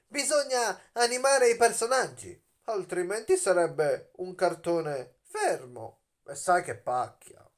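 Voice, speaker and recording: Sprawled on his bed in a small room, an animated, theatrical young man with a high voice tells a kid-style explainer to his phone camera at arm's length. He plays the dramatic storyteller, stretching words out and tossing in questions.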